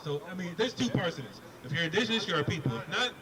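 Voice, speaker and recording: A man's voice: sits high, lively intonation, rapid-fire, poor audio. A man preaching on a city street, questioning a passerby in an emphatic debate and repeating words as he drives his point home. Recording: busy street crowd behind.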